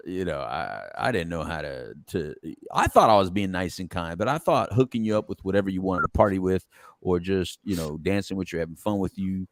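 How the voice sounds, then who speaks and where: A middle-aged man with a very low voice that swings up and down freely as he talks. He chats casually as a podcast host, rambling through restarts and breaking into laughter often. The sound is close and dry. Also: dry recording. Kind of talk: casual chat.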